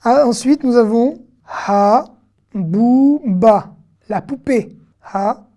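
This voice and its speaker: A woman teaching an online reading lesson, patiently repeating syllables slowly with casual fillers. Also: mid-range voice, warm tone. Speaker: Hebrew teacher.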